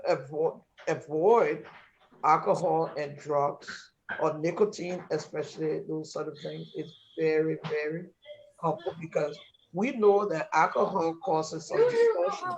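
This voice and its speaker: A Liberian man with a North American accent and a highish voice marked by vocal fry speaks as a panelist. He sounds earnest and emphatic, with occasional restarts, on a dull, lo-fi recording.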